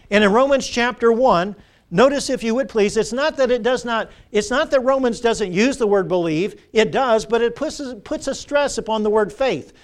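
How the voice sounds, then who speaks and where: High-voiced emphatic male preacher. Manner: emphatic call-and-response questioning, repeating key phrases. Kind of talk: sermon.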